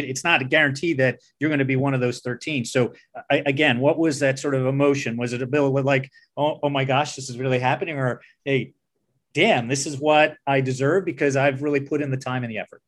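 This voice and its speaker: A man's voice: medium pitch, fairly even intonation, brisk, a bit bright. A man co-hosting a sports interview, asking long, rambling questions with repeated words. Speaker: co-host.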